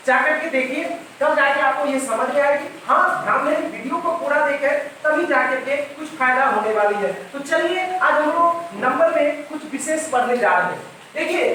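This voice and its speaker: A man's voice: very high-pitched, sharp tone, a little hiss or hum. A male English teacher giving a grammar lesson, repeating points and asking questions that he answers himself. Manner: repetitive, asks questions and answers them himself. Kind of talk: classroom-style grammar lesson. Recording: very echoey room, mic at a distance.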